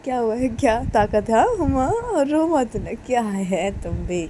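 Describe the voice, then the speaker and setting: A woman voicing a flustered young lover who pleads and exclaims in a very high voice. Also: lively intonation, unhurried, warm tone, slight background noise. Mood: pleading.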